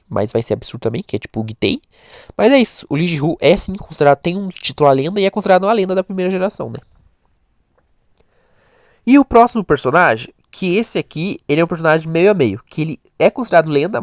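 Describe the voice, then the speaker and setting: Here a young man from Brazil comments on webtoon characters in a loose talking-head style, his voice a little high. His delivery wanders, full of self-corrections, fillers and restarts, captured in studio quality with no echo.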